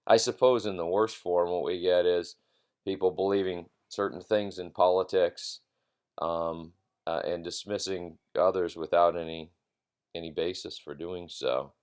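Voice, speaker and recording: A man giving an informal philosophy lecture in a halting, reflective way, repeating phrases for emphasis. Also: sits low, fairly even intonation, darkish tone, clean tone.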